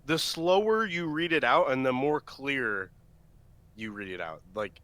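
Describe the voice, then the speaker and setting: A man chatting playfully and casually on a stream. His voice is bright and his pitch moves a lot. The sound is dry. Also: expressive, measured pace, no room sound. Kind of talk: casual joking chat.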